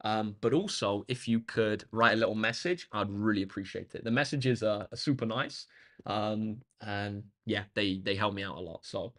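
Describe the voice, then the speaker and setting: This maths tutor live streamer has a lowish, slightly bright voice at normal speed, which sounds a little croaky and tired. He chats informally with viewers, speaking to them directly and offering thanks.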